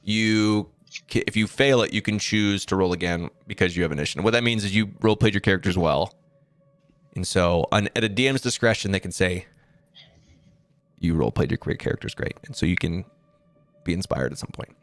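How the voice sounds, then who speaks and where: A man's voice: lowish voice, brisk, no room sound. A man as dungeon master of an online tabletop game, chatty and a little disorganized, laughing often.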